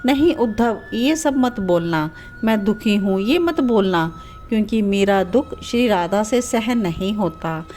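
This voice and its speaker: A tender, tearful young god Krishna, as a woman storyteller puts him on, pleading in a slow, heartfelt voice. The reading is unhurried, with soft music playing behind. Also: medium pitch, animated, close to an everyday voice.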